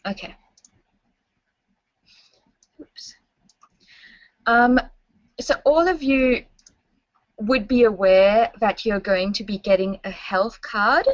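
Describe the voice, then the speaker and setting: A young woman, French by first language and on university staff, speaks slowly with long pauses in a medium pitch as she guides students through a webinar, friendly and instructive, checking they're with her. The sound is dry, echo-free, and slightly muffled and dull.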